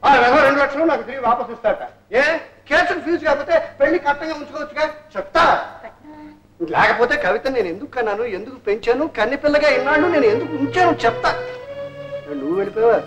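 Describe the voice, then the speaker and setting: A man's voice: extremely high pitch, animated, fast talker, music in the background. An actor playing a greedy, scheming middle-aged father in a comic film scene, wheedling and sly. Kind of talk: 1980s film dialogue.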